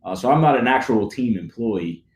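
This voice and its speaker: A man's voice: medium pitch, animated, moderate pace, darkish tone, a little hiss or hum. A man, a stadium announcer, telling stories with enthusiasm and frequent laughs in a casual interview. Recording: roomy echo.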